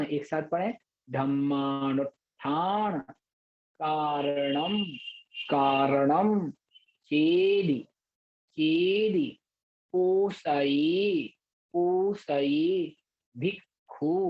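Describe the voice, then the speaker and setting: A male scripture teacher leading a pronunciation class, reciting each word of a verse slowly and twice, with brisk instructions in between. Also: a little high, dull audio. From Madhya Pradesh, India. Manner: brisk spoken instructions between the chanted words.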